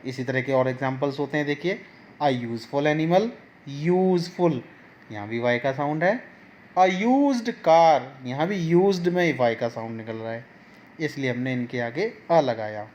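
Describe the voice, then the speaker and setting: A man with an Indian accent teaching a grammar lesson online, explaining slowly and mixing English examples into Hindi. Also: medium pitch, darkish tone, highs cut off, a little hiss or hum.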